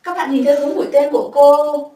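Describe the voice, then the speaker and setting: A woman English teacher giving a bilingual classroom vocabulary lesson, saying words slowly and clearly for pupils to repeat. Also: high voice, steady tone, mellow, recorded from a distance. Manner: slow drawn-out repetition of words for pupils to copy. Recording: echoey room, voice from afar.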